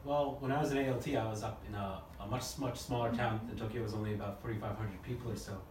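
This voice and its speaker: Fast-talking man, low voice, echoey. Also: fairly even intonation, darkish tone, a little hiss or hum. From New Jersey, United States. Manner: quick, easygoing, many uhs. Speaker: recruiter. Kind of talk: casual panel chat. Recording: echoey room, mic at a distance.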